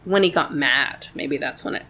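Low-voiced chatty woman podcaster. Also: moderate pace, sharp tone. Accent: Southern US. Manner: chatty, laughs often, swears casually. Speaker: podcast co-host. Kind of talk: casual chat.

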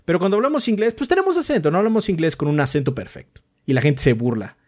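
A man with a Mexican accent co-hosting a casual podcast chat, animated and swearing freely. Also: on the high side, fast. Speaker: podcast co-host.

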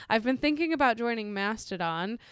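A woman's voice: on the high side, lively intonation, a little fast, clean tone, no room sound. A woman co-hosting a casual podcast, chatty, laughing often and swearing freely. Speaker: podcast co-host.

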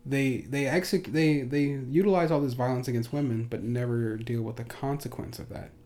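A man's voice: medium pitch, fairly even intonation, normal speed, mellow. A man hosting a podcast, talking casually and with opinionated enthusiasm. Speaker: podcast host. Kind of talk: casual chat.

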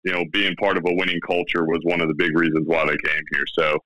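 A man's voice: low voice, little pitch movement, fast talker, bright, forceful tone, no room sound, poor audio. A man giving basketball predictions as a guest, hesitant with many fillers. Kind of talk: casual sports chat.

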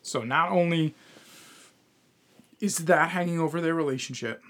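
A man's voice: a little high, moderate pace, a bit bright. A man co-hosting a podcast, explaining at length in casual chat and swearing now and then. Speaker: podcast co-host.

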